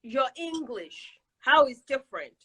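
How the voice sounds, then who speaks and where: A woman's voice: high-pitched, sing-song, measured pace, a bit bright, breathy edge. A woman hosting an online advice show, explaining points with examples in a casual chat. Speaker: host.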